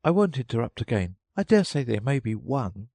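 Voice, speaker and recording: A man's voice: medium pitch, very animated, moderate pace, vocal fry, dark tone, no echo, pitched above the performer's own voice. A man voicing a polite, curious young girl who takes offence easily. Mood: earnest. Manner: earnest, easily offended, prim.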